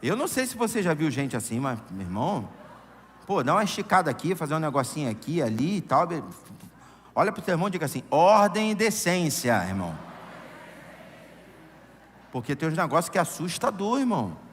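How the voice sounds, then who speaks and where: Animated high-voiced Brazilian pastor preaching. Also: male voice, a little fast, pauses often, a little hiss or hum. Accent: Brazilian Portuguese. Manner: lively, conversational preaching with humorous anecdotes. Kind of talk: sermon. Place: church sanctuary. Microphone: handheld or stand microphone. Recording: long church hall reverb.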